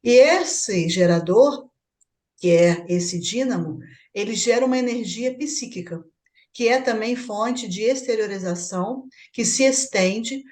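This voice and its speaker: Her voice is medium-pitched and a little mellow as she hosts a spiritist book study, explaining a chapter. The Brazilian woman speaks with a Brazilian Portuguese accent and turns to her partner to confirm things.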